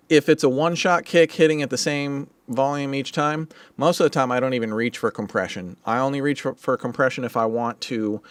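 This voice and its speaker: A man's voice: medium pitch, fairly bright tone, no echo. A middle-aged man, a mixing engineer, hosting a casual live Q&A and demo in a loose, easygoing way with many fillers.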